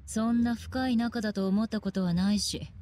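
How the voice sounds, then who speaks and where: A woman's voice: on the high side, fairly even intonation, moderate pace, mellow, slight background noise, close to an everyday voice. A woman playing a brusque, cool young leader in an anime game, blunt and unimpressed. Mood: irritated, flat.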